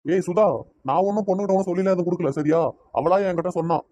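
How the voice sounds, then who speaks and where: A man's voice: sits high, steady tone, racing, dark tone, dry recording, natural voice. A man with a Tirunelveli Tamil accent voicing a stubborn middle-aged father in a cartoon, scolding his wife in an argument. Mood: heated. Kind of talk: cartoon voice acting.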